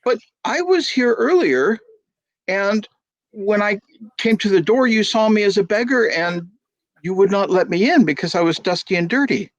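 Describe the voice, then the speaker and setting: Give me a man playing a wise, sly old mullah, his voice raised high and lilting as he gently teases. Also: lively intonation, normal speed, no echo. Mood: calm, wry. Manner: sing-song, playful, high and lifted. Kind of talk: storytelling performance.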